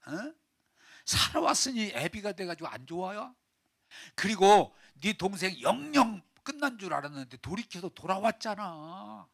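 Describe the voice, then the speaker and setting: A man voicing a gentle father who pleads with his son in a soft, low, coaxing voice. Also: big pitch swings, normal speed, creaky, full character voice.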